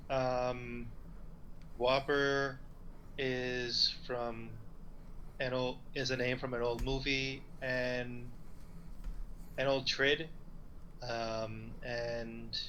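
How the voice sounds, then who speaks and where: Bright-voiced man playing a tabletop game. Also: mid-range voice, slight background noise, low-quality recording. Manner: hesitant, with fillers and restarts. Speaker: player. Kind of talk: in-character tabletop play.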